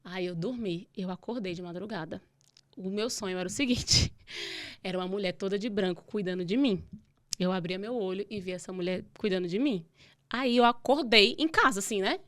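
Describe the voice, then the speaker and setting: A young woman, a podcast guest telling a long personal story in a casual, animated way. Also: mid-range voice, moderate pace. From Brazil. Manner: animated, acts out dialogue in her retelling.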